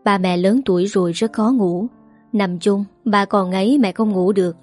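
A woman's voice: mid-range voice, steady tone, moderate pace, darkish tone, soft background music, natural voice. Woman voicing a tearful jealous wife. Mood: sharp. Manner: plaintive, complaining.

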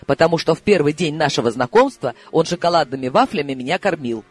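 A man's voice: on the high side, lively intonation, fast, breathy edge, no room sound, soft background music. A male audiobook reader voicing an impatient, headstrong woman in love who speaks insistently. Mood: exasperated. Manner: insistent, exclamatory. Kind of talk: audiobook character voice.

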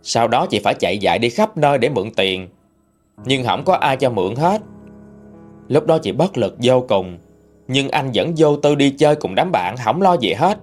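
A man with a Southern Vietnamese accent narrating a true-life story in an expressive, gossipy way. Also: mid-range voice, moderate pace, soft background music.

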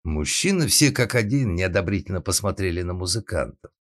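A man narrating a comic story in a deadpan, ironic storytelling manner. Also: sits low, brisk, no room sound.

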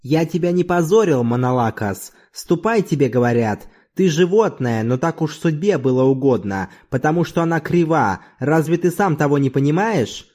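A man playing a gruff, defiant old laborer. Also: fairly high pitch, animated, moderate pace, few pauses, darkish tone. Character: tough aging foreign laborer, stubborn, quick to anger.

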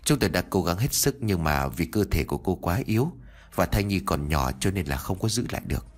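A sorrowful nurse gently delivers bad news, read by a man in a storytelling audio. Her husky voice stays low and halting. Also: very animated. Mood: somber. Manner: hesitant, soft and low.

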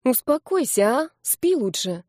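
Give me a woman playing an irritated young heroine, grumbling and sharp, for a storybook. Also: sits high, big pitch swings, a little slow, no room sound, clean studio sound, voice pushed up, exaggerated voice. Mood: exasperated. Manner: grumbling, snapping.

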